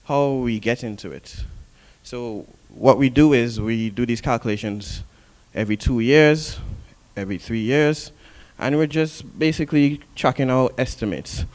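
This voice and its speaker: A man delivering a talk at a conference, working through his points in an explanatory way. His pitch sits in an ordinary middle range. Parts of the talk are read from prepared notes. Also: a little slow, few pauses, darkish tone. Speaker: conference presenter. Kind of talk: conference presentation. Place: conference hall.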